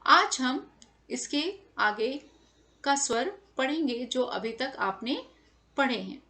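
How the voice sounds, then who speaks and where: A woman's voice: high voice, expressive, slow pace, sharp tone. A woman teacher giving a careful lesson to children, stretching and stressing each sound as she says it over slides.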